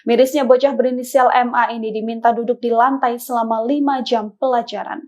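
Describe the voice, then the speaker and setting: A woman narrating a scripted news report in a measured, formal way. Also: on the high side, fairly even intonation, darkish tone.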